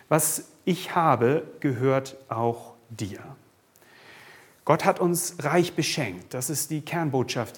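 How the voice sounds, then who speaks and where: A man preaching a sermon as pastor, speaking directly to the congregation with rhetorical questions and the occasional hesitant "uh". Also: a little high.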